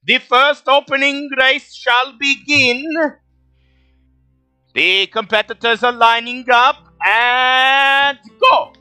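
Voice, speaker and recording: Man doing a magically amplified race announcer, loud, high-pitched, bright, excited play-by-play calls. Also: takes it slowly, clean tone, faint music behind, full character voice. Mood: announcing. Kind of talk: tabletop game master voicing a character.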